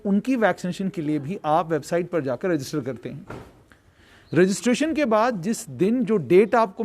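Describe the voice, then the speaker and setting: High-pitched guy doing a field news report, explains things step by step, lots of hmms while he listens. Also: darkish tone. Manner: explanatory, prompting with frequent hums.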